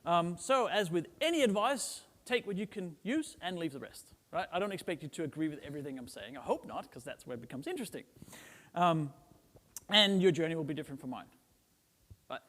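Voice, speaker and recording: Middle-aged man from Denmark, slightly high voice, chatty jokey conference speaker, long hall reverb. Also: expressive, fairly quick, fairly bright tone. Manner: chatty and joking, with frequent "right?" tags and "um" fillers. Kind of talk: casual conference talk.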